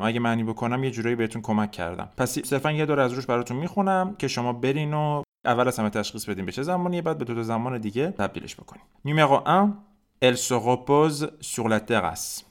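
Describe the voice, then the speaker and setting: A man teaching French in a podcast lesson, explaining in his native Persian and saying each French example slowly, then repeating it. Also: mid-range voice.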